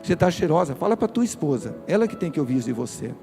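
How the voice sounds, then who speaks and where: Man, Brazilian accent, pastor's sermon, raised pitch, emphatic and direct, faint music underneath. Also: very animated, rapid-fire, mellow. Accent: Brazilian Portuguese. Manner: emphatic, direct, addresses listeners. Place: church.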